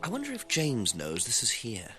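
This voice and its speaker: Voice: mid-range voice, wildly swooping pitch, normal speed. An actor playing a polite, inquisitive detective questioning villagers in a video game. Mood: musing. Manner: polite, probing. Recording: loud music behind the voice.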